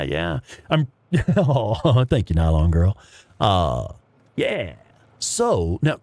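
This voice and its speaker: Low-voiced man, lively game streamer. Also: vocal fry. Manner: informal, rambling, sweary. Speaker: livestream host playing a video game. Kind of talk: casual gameplay commentary.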